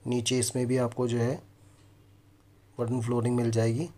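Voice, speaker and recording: A man in his thirties with an Indian accent hosts a property walkthrough, explaining things directly to viewers in a mix of Hindi and English. He is a property consultant and video host whose medium-pitched, dark-toned voice stays completely flat at a normal speed.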